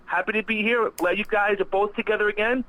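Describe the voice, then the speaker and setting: A man's voice: sits high, fairly even intonation, fast talker, bright, forceful tone, poor audio. A man phoning in to a talk radio show, cheerful and chummy with the hosts. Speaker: caller. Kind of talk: phone-in chat.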